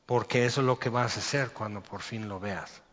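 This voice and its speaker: A man's voice: on the low side, a little fast, a bit bright. A man with a Mexican accent preaching a sermon, explaining Bible verses in a conversational way with rhetorical questions. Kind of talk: sermon with scripture reading. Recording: dull lo-fi sound with long hall reverb.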